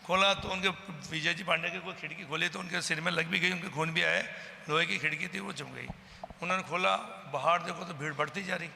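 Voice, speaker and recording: Gravelly man recounting an incident. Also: on the high side, steady tone, brisk, pushed and bright, long reverb tail, slight background noise. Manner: agitated storytelling, acting out the quoted exchanges. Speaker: eyewitness from the local community. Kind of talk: personal account to a news camera.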